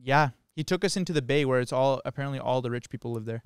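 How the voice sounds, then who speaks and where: A man's voice: medium pitch, fast talker, clean tone, no echo, studio quality. A young man chatting casually as a podcast host, telling stories in slangy, exclamatory bursts. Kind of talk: casual joking podcast storytelling.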